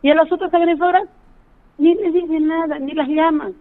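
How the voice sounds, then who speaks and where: A woman's voice: very high voice, steady tone, a little fast. A middle-aged woman, calling in to a radio show to complain, indignant and pleading as she tells her story. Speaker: caller. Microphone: phone. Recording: tinny phone line on radio.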